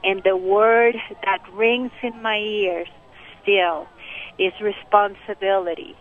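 A woman caller speaks over a tinny, narrow phone line. Her voice sits at a medium pitch, and she gives an earnest, deliberate personal testimony with pauses between phrases. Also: steady tone. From Mexico. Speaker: radio call-in listener. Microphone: telephone.

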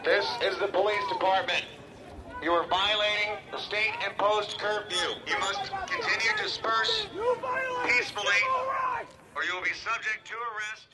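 A police officer, a man, giving stern, formal dispersal orders that blast through a sound cannon loudspeaker outdoors. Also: high-pitched, lively intonation, normal speed. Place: outdoors on a city street at night. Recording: distant loudspeaker over loud street noise.

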